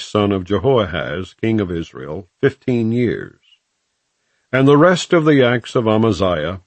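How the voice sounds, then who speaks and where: Scripture is read aloud by a male audiobook narrator with a low voice. His delivery is solemn and formal, with measured phrasing and a lively rise and fall in pitch, and the recording is dry and close, with no room echo.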